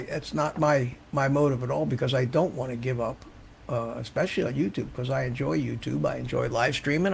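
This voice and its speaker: An older man hosting a casual live stream, rambling and halting as he repeats words, with the low hiss of a fan behind him. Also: gravelly, a little mellow. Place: warm indoor room. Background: hissing fan.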